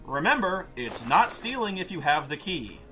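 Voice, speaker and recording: Ranting, sarcastic man with a lively, bright voice. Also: on the high side, moderate pace, soft background music. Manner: ranting, profane, incredulous. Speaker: game reviewer. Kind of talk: sarcastic comedic game retrospective narration.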